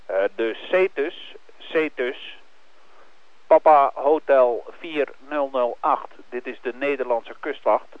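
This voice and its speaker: A man working as a coast guard radio operator, speaking over a marine two-way radio in calm, formal radio procedure and reading call signs and numbers out slowly. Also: mid-range voice, no echo. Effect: heard over a marine two-way radio. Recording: tinny narrow-band radio transmission.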